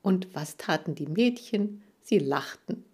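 A woman reading a children's story aloud as the audiobook narrator, with a lively, expressive delivery. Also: fairly low pitch, unhurried, breathy edge.

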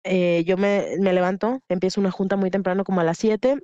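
Mexican woman guest, lively candid storyteller, muffled dry recording. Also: mid-range voice, fairly quick, dry recording. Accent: Mexican Spanish. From Huasteca region, Mexico. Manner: animated, acts out quoted voices, frequent fillers. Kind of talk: candid personal storytelling in a podcast interview. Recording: dull lo-fi dry sound.

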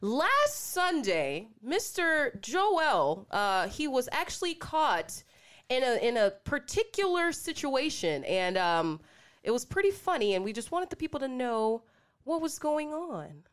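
Woman, fairly high voice, very animated pitch, teasing, casual podcast chat. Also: measured pace. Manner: lively, teasing, steers the talk with questions. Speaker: podcast co-host.

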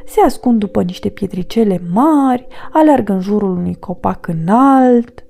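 A woman reading a children's storybook aloud in a gentle, expressive way. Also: mid-range voice, creaky, soft background music.

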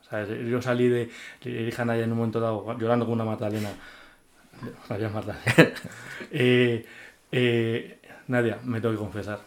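A man gives an emotional personal testimony of faith as an interview guest, sincere and heartfelt, often restarting and repeating words. He talks in a level, mid-range voice at normal speed, with long pauses.

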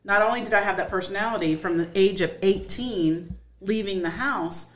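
A woman co-hosting a casual podcast chat, animated, laughing often and acting out what others say. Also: medium pitch, normal speed, slight background noise. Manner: animated, laughs often, acts out quoted voices. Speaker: podcast co-host.

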